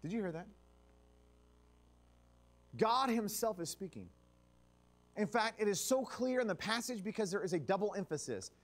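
A man preaching a revival sermon in a church, dropping to a hush and surging up again for emphasis. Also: high-pitched, moderate pace, pauses often. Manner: animated, drops to a hush and surges up for emphasis. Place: church sanctuary.

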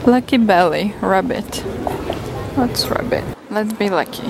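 A young woman vlogging casually while she shops and walks through a city, excitedly gushing over what she finds, recorded on a handheld camera. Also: medium pitch, slow pace, vocal fry, background noise. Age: young adult. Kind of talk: casual vlog narration. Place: shops and streets of a city, indoors and out. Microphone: handheld camera mic.

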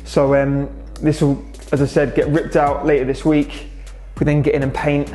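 In this vlog update, a young restaurant owner from England talks a camera through his renovation in a large indoor space. He pitches fairly high and delivers it flat at normal speed, his tone warm and his manner casual and matter-of-fact, peppered with "so" and "obviously," over soft background music.

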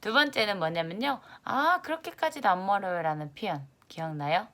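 Lively woman teaching English. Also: mid-range voice, a little fast. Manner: lively, stresses English words loudly, acts out students' reactions. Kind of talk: online lesson.

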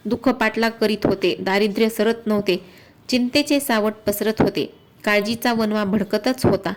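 A woman reading a devotional folk tale aloud as storyteller, in a steady, recited rhythm. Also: medium pitch.

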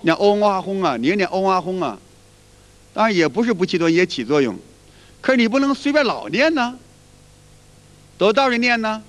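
A man's voice: high-pitched, big pitch swings, normal speed, pauses often, fairly bright tone. A man giving a folksy, repetitive spoken lecture as a qigong teacher, now and then demonstrating chants aloud. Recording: reverberant hall.

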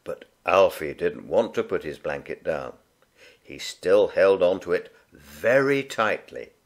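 A man reading a children's picture book aloud in a gentle, unhurried, expressive way. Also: low-pitched. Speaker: storyteller. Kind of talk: read-aloud children's story.

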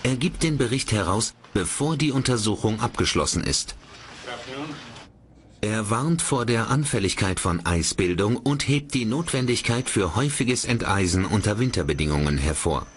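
Lower-pitched male documentary narrator. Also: lively intonation, moderate pace, a little hiss or hum.

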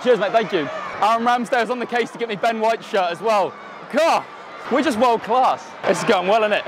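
A young man with a raised, fairly high voice vlogs pitchside in a big open stadium. He talks in an excitable, casual way, calling out to be heard outdoors. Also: fast talker, background noise. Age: 20s. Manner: excitable, calling out over crowd. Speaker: football vlogger. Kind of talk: casual excited vlog chat. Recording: loud stadium crowd, outdoors.

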